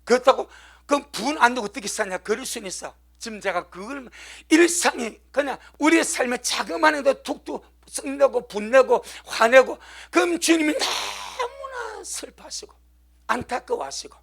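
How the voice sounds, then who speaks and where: A middle-aged male pastor preaching a sermon, pressing his points through repetition and dropping from loud stresses to hushed near-whispers. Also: very high voice, lively intonation, moderate pace, vocal fry.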